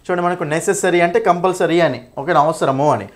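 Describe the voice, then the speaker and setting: A man's voice: sits high, quick pace. A young man teaching an English exam-prep lesson, repeating points and checking in with "okay?" often.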